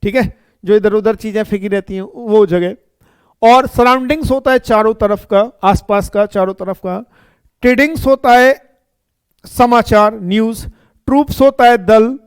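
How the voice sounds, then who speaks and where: A man's voice: high-pitched, smooth, no echo. A man teaching an English grammar class, explaining step by step, repeating himself and checking in with his students. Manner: explains slowly and repeats, often checking with "ठीक है" and "है ना". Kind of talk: classroom lecture.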